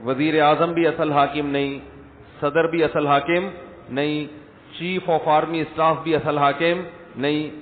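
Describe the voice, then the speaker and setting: A man's voice: on the high side, little pitch movement. Male preacher, Friday lecture, chatty rhetorical delivery, long hall reverb. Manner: conversational, rhetorical questions, jokes with audience. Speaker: religious scholar. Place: large echoing hall. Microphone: speaker system mic. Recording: echoey hall over tinny lo-fi line.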